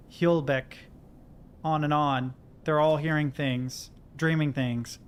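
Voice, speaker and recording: The Kentucky livestreamer's voice sits on the high side, clear and resonant, as he plays, reads in-game notes aloud, and talks casually to himself like an American game commentator.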